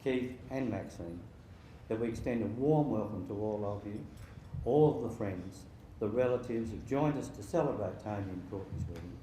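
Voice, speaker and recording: A man's voice: lowish voice, animated, dark tone. Older man giving a speech in an echoey hall. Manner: halting, jokey delivery turning sentimental. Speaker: father of the bride giving a wedding speech. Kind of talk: informal wedding speech to a room of guests. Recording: very echoey room with faint background noise.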